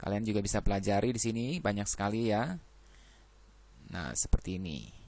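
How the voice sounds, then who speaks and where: Low-voiced man teaching verb lists. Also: a little fast, gravelly, darkish tone. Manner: walks through word lists, adds "ya" after nearly every phrase. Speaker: English teacher. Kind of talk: explaining a grammar lesson.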